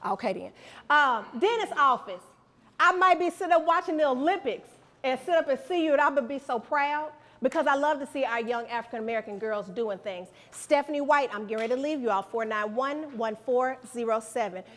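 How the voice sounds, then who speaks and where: A middle-aged woman giving a motivational speech to students, animated and preacherly, repeating lines for emphasis. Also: high-pitched, brisk. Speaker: guest speaker.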